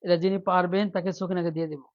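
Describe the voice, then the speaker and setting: Very fast and flat, a male teacher with a high voice leads a live online lesson, recorded with the highs cut off. He plays at a mock plea before getting into the material, then keeps repeating questions to quiz his students and urge them to answer.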